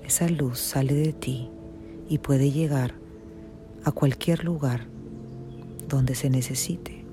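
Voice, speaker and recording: This guided meditation is narrated very slowly and soothingly, sleep-story style, in a hushed medium voice with fairly even intonation. Long pauses fall between brief phrases while music plays clearly underneath.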